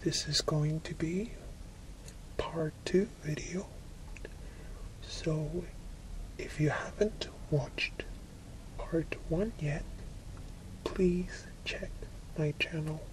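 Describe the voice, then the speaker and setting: Very slow whispered ASMR reading. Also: mid-range voice, poor audio. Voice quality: soft, breathy whisper. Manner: slow, deliberate, with frequent pauses. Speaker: ASMR reader.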